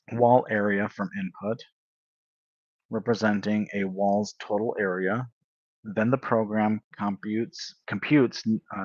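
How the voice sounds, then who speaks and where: A man talks through programming exercises at a slow, unhurried pace, thinking aloud and correcting himself as he goes. His voice sits on the low side. The recording is dry and a little dull, like a lo-fi stream mic. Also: dry recording. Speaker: tutor livestreaming a study session. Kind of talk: casual thinking-aloud coding walkthrough.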